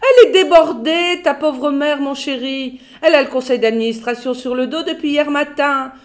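A woman voicing a fussy, condescending secretary who gushes over the phone in a high sing-song voice. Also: normal speed, natural voice. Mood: gushing.

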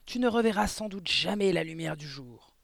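A towering, tyrannical headmistress, put on by a man reading aloud barks insults in a raised, loud voice. Her ranting comes across as dry and close, with nothing of a room around it. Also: on the high side, a little fast, gravelly, no echo. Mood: raging. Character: huge furious tyrannical headmistress woman. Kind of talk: audiobook character reading.

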